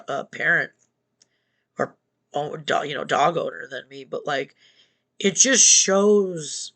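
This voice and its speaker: A man hosting a casual reaction stream, talking in a halting, emotional way and swearing often. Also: fairly high pitch, gravelly, fairly bright tone. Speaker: streamer host.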